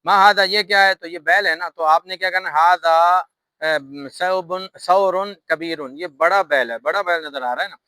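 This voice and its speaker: Speaking with a Pakistani Urdu accent, a man patiently works through Arabic grammar rules step by step, repeating each one for his class. His high voice sounds pushed, bright and smooth. The audio is poor and lacks any room sound.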